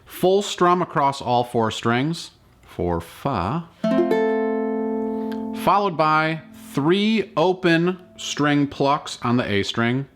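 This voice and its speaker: Slow, patient man teaching ukulele. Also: on the high side, sing-song, music in the background. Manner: slow, patient instructions between sung demo lines. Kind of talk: step-by-step music tutorial.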